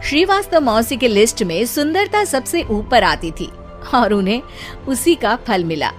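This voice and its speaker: A woman narrating a children's moral story in a lively, playful way. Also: a little high, a little slow, faint music behind.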